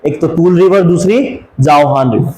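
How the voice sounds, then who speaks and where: Guy teaching map geography, drags out place names, bit higher voice, roomy echo. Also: moderate pace, dark tone. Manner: keeps asking rhetorical questions; drawls and repeats place names. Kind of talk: map lesson for exam students.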